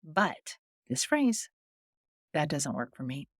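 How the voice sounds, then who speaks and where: Woman podcast host, faith-based advice, earnest and encouraging, lively pitch, dry close sound. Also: takes it slowly, dry recording. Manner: calm, earnest and encouraging, with little laughs.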